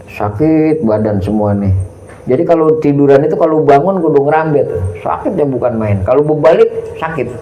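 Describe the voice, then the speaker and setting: A man's voice: mid-range voice, gravelly, dark tone. A middle-aged man, giving an informal Islamic study sermon in folksy storytelling style, acting out prayers and dialogue. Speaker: religious teacher. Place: mosque study hall. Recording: echoey hall, faint ambience.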